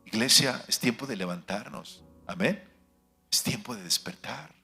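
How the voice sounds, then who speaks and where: A man preaching a sermon as pastor. He fires rhetorical questions at the congregation and swings between loud declarations and hushed asides. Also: medium pitch, expressive, measured pace, gravelly, soft background music. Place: church sanctuary.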